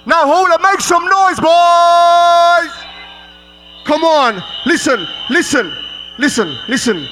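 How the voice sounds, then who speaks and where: A man MCs live at a rave, his voice pitched very high. He hypes the floor in short, repeated calls, talking over the rising noise. Loud drum and bass fills the recording behind him. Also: expressive, slow pace. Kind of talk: live hype MC patter over dance music. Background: loud drum and bass music.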